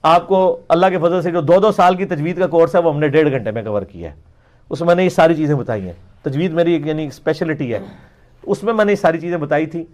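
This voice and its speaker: A middle-aged man giving a combative, boastful talk, breaking into slow drawn-out Quran recitation. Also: a little high, darkish tone. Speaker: religious speaker answering critics.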